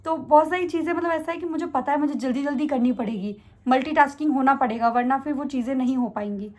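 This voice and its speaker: A young woman vlogger answering viewer questions in a fast, chatty way. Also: high-pitched, a little mellow. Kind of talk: casual Q&A chat.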